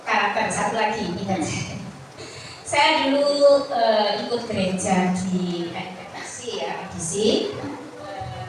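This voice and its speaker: A woman preacher, giving a Sabbath sermon and telling her own story in an animated way, acting out the people she quotes. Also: medium pitch, slow. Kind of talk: Sabbath sermon with personal testimony. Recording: echoey hall, voice from far off, ambient noise.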